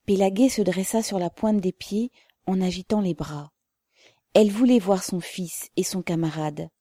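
A woman narrating a novel aloud in a measured, solemn reading. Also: mid-range voice, dark tone, no room sound, studio quality. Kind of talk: audiobook narration.

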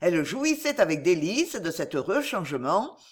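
A woman narrating a fairy tale in a measured, expressive storybook reading. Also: on the low side, husky.

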